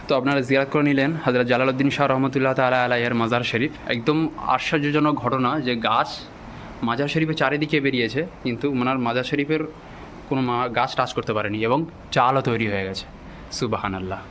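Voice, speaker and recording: A man guides viewers on an outdoor walking tour. He keeps his speech hushed and reverent, at an ordinary mid pitch. The on-location recording has clear ambient noise behind him. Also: steady tone. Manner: deliberately hushed, speaking softly in a cemetery. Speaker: vlog host and guide. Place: outdoors in a cemetery.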